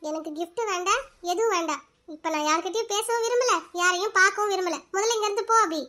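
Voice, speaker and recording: A woman doing a very high-voiced tearful mother. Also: fast, bright, forceful tone. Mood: sad. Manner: emotional, pleading. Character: tearful, loving young mother. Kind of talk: cartoon voice acting.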